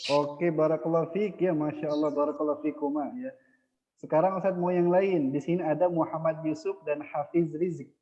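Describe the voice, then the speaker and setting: A man's voice: fairly high pitch, steady tone, a little fast, mellow. Man teaching over a dull echoing line. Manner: patient, adds "ya" after most phrases. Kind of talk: online Arabic lesson.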